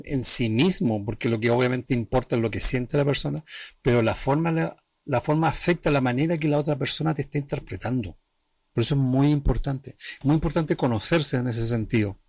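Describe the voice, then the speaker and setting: A man's voice: medium pitch, moderate pace, a little mellow, dry recording. A man hosting a live-streamed talk on emotional healing, speaking conversationally in short, restarting phrases and often checking that the listener follows. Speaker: host of an emotional healing channel.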